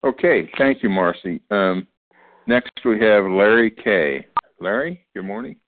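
A man with a fairly low voice chairs a meeting informally. He is halting and hesitant, and the line is narrow and phone-like. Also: expressive. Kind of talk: informal moderating.

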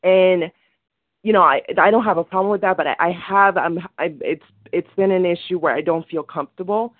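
A woman's voice: lowish voice, brisk, no echo. A woman in her twenties from the Dominican Republic, calling in with a question, talking hesitantly with many restarts. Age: 20s. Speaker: caller. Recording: tinny phone line.

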